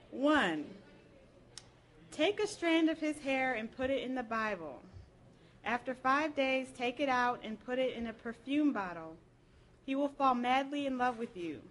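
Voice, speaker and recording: A woman with a voice on the high side reads folksy prose aloud at a live library program, telling it in a playful, colloquial storytelling style. There's a little hiss or hum in the audio.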